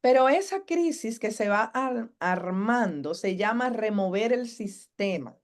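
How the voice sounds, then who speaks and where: Woman psychologist, lively teacher, questions the room, fairly high voice. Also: unhurried. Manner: asks the audience questions and acts out family members' lines. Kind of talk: live masterclass talk.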